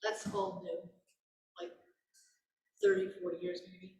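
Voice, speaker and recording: A woman's voice: mid-range voice, very animated, slow, vocal fry, mellow. Older woman talking in an echoey hall. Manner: rambling, with many restarts and self-corrections. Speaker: guest speaker on her faith. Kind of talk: casual Q&A talk. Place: big empty live room. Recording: echoey room, voice far from the mic.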